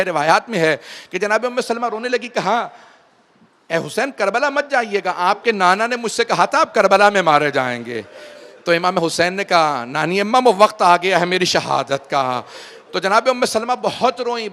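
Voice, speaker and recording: A man preaching a Muharram majlis sermon, reciting a tragic narrative that rises to a loud, wailing climax and turning often to address the audience directly. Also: sits high, lively intonation. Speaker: Shia preacher.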